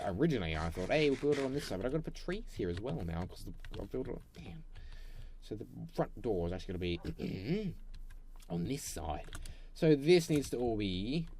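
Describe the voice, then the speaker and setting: A man's voice: mid-range voice, mellow, slight background noise. A young man hosting a Minecraft let's play, chatting, humming and talking to himself playfully as he builds. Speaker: gaming channel host.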